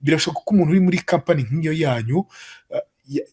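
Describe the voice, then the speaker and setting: A man's voice: a little high, very fast, a little mellow, slightly rough. A man asking the guest a long question, drawing out his words with fillers.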